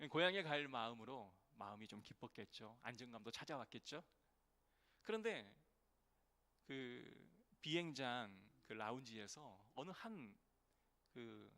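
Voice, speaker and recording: A man preaching a sermon as pastor, telling a story earnestly, swelling to emphatic peaks and dropping to hushed lines. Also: medium pitch. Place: church sanctuary. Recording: long church reverb.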